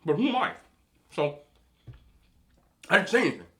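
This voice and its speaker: A man hosting a mukbang, chatting casually and telling an animated, slangy, incredulous story between bites as he eats. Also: sits high, moderate pace. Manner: eating between phrases. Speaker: host of a mukbang video. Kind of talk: casual rambling storytelling while eating.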